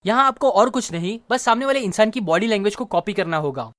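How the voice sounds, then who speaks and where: A man narrating a book summary, explaining clearly and speaking directly to the viewer. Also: high voice, lively intonation, fast talker, a bit bright, dry recording.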